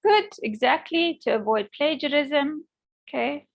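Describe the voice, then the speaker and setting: A woman's voice: sits high, lively intonation, measured pace, gravelly, lo-fi sound. A woman lecturer giving an online class, encouraging students and often checking in with "okay?".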